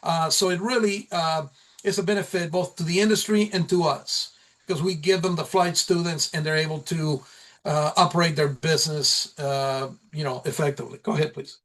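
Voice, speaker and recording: A college program instructor talks through slides informally at a meeting, haltingly repeating and restarting phrases. His voice is on the high side, fairly even in intonation and a bit bright. The recording quality is low.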